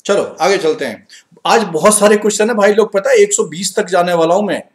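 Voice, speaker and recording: A man with an Indian accent teaching an English grammar live class in a mix of Hindi and English, energetic and coaxing, reading sentences slowly and murmuring to himself while he checks answers. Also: high voice. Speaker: exam-prep English teacher. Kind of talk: live online class, Hinglish.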